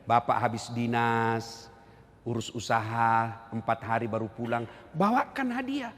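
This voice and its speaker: A middle-aged man preaching a humorous sermon to a hall audience, joking and acting out quotes with big swings in his voice. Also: measured pace. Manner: lively, jokey, acts out quotes with big pitch swings. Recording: echoey hall, faint ambience.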